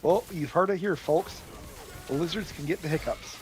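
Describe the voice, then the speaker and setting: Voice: medium pitch, moderate pace, soft background music, rough recording. A gaming partner chatting casually, thinking aloud about loot and character builds.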